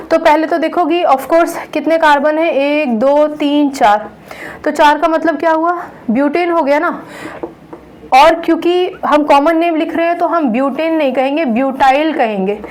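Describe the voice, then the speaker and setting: Her voice sits high, and the rough recording carries slight background noise. In this online class she teaches chemistry with patience, slowly counting carbons while walking students through compound names and frequently checking on them.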